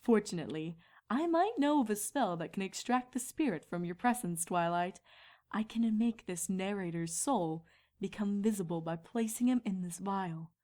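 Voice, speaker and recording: A woman voicing a kindly, mature pony princess and mentor in a cartoon-style fan story, with a composed, regal, measured manner. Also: medium pitch, lively intonation, warm tone, lightly acted. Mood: thoughtful.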